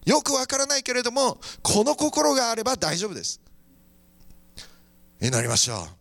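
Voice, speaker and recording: A man's voice: very high-pitched, lively intonation, fast, a bit bright, dry recording. A man preaching a sermon as a pastor, fervently moving between teaching and praying aloud. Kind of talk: sermon with prayer.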